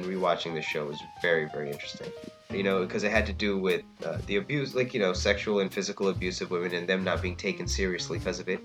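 A man with a low voice talks in loose, rambling podcast chat, circling back on his points and often checking in with "you know what I mean". Faint guitar music plays softly behind him. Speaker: podcast co-host. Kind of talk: casual chat reviewing a TV drama.

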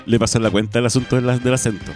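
A man's voice: medium pitch, fairly even intonation, fast, music in the background. A man with a Chilean accent co-hosting a radio film show, rambling casually and often checking in with listeners. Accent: Chilean Spanish. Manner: rambling, filler-heavy, checks in with "¿ya?". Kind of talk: casual film review chat.

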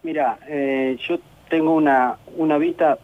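Speaking over a phone line on the radio, a professional footballer with an Argentine Spanish accent gives an interview. His voice sits fairly high with fairly even intonation, and he sounds earnest and frustrated, halting and restarting often.

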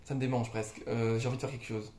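A young man talks quickly and informally, full of slang, as in a podcast between friends. His voice sits at a medium pitch in a room with strong echo. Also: level tone, dark tone. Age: young adult. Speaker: co-host. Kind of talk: casual conversational podcast chat. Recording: echoey room.

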